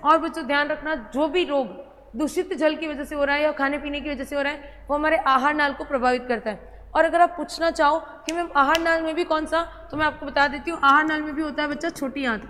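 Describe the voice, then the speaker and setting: A woman's voice: high voice, steady tone, brisk, a bit bright. A woman teaching a biology class, who repeats key terms, quizzes her students and fondly calls them child. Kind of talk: classroom lecture at a board. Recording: hall reverb with faint ambient noise.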